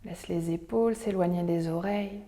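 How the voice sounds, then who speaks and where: A woman leading a guided breathing meditation in a soft, breathy, near-whispered voice, with soothing, measured instructions. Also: fairly low pitch. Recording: long hall-like reverb.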